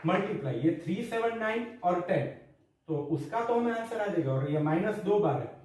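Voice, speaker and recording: A man's voice: sits high, lively intonation, moderate pace, a little mellow. Echoey Hindi-English maths teacher, man. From India. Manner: explains step by step, mixing English into Hindi. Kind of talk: recorded online maths lesson. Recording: echoey, distant room mic with faint noise.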